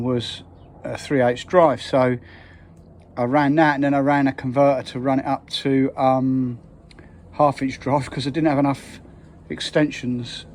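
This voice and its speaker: A man's voice: mid-range voice, a little mellow, slight background noise. Chatty man fixing a van. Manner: chatty, plain-spoken, many fillers and restarts. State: out of breath. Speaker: van mechanic showing a repair. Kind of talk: casual how-to talk.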